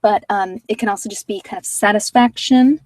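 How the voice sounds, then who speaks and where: This card-reading livestream host talks briskly and informally to viewers, rambling candidly and poking fun at herself. Her mid-range voice is a little mellow, recorded from a distance with no echo.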